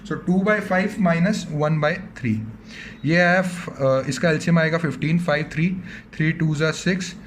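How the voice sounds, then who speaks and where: A man's voice: fairly high pitch, a little slow, slight background noise. A man teaching an online accountancy lesson with an Indian accent, talking to his students as "बच्चों" and voicing their questions back to them. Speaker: commerce teacher.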